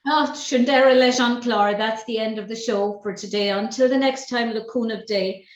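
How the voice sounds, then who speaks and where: A woman's voice: a little high, fairly even intonation, normal speed, lo-fi sound. A woman with an Irish accent, hosting a casual interview in a chatty, complimentary way. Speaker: show host, interviewer. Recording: echoey, roomy sound.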